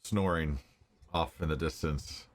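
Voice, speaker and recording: A man's voice: rumbling low, steady tone, unhurried. A man narrating a tabletop game casually as game master.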